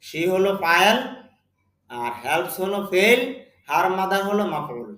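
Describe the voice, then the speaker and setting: A man with a Bengali accent teaching a spoken English lesson, speaking slowly and deliberately and repeating words for his students. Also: high-pitched, expressive, bright, forceful tone, reverberant.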